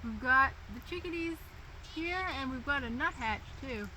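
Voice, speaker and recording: A woman with a fairly high voice narrates a casual nature vlog out in the woods. She talks in the manner of someone coaxing wild birds to come closer. Faint outdoor noise and bird sounds sit behind her. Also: animated, moderate pace. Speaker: nature vlogger.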